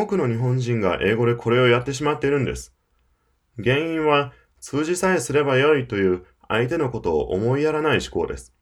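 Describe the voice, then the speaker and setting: A man teaching English pronunciation in Japanese, explaining in an emphatic scripted audio lesson. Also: medium pitch. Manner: explanatory, emphatic, demonstrates English phrases at varied speeds.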